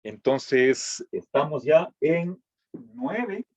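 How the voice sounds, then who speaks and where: A man teaching a philosophy class, pausing to check in with his students and restarting phrases as he goes. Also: on the high side, expressive, darkish tone, no room sound. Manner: checks in with frequent "¿sí?", halting restarts. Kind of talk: classroom lecture. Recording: dull lo-fi dry recording.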